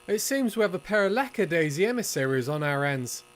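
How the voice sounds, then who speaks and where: Cartoon undertaker played by a male actor, male, slightly high voice, sardonic, grandiloquent, theatrical fan-dub delivery. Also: sing-song, brisk. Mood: wry storytelling. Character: wry, grandiloquent male undertaker and bootlegging accomplice. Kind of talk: animated fan dub acting.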